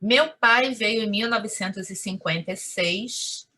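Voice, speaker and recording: Woman, Carioca accent, bright voice, interview guest, animated conversational storyteller. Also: mid-range voice, measured pace. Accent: Rio de Janeiro Portuguese. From Brazil.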